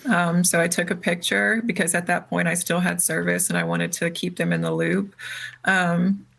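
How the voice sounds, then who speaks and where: Grieving woman with a gravelly husky voice. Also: lowish voice, level tone, fairly bright tone. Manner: slow, halting, faith-filled testimony. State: grieving, close to tears. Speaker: interviewee, bereaved mother. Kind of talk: emotional interview.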